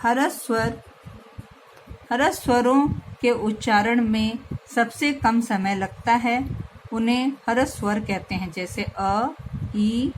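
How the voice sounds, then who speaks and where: A woman teacher giving a slow grammar lesson to young children, patiently spelling out each sound. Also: fairly high pitch, slight background noise, rough recording.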